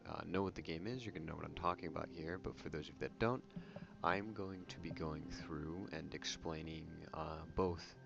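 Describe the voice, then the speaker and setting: A man speaks softly in a very low voice with a crackly, fry-laden edge, in the style of ASMR game commentary. He is casual and rambling, often correcting himself. The audio is slightly muffled. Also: normal speed, hardly any pauses. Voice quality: soft-spoken, low voice without whispering. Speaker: YouTube game channel host. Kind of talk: soft-spoken ASMR commentary on a video game. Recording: muffled audio under prominent music. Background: music.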